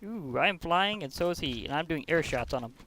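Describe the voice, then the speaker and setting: Upbeat male host, bright tense voice, jokey play-by-play. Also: on the high side, brisk, a little hiss or hum. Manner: excitable, chatty, jokey. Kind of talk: gameplay commentary.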